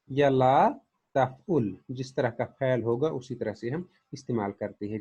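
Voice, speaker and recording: A man's voice: medium pitch, mellow, husky, highs cut off. A man teaching grammar patiently, saying each example and then translating it. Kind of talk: explaining a lesson.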